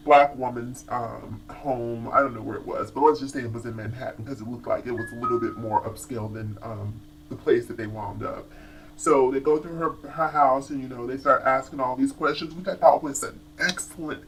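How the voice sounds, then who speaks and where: A man reviews a TV episode in casual commentary. He is animated and chatty and often circles back to restart a thought. His voice sits at a middle pitch. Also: noisy background. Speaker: TV show reviewer.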